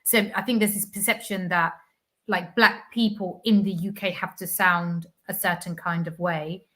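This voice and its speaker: A British woman, a guest on a chat show, telling anecdotes in a bemused, measured way with hesitant fillers. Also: on the low side, steady tone, a bit bright. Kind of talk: casual chat.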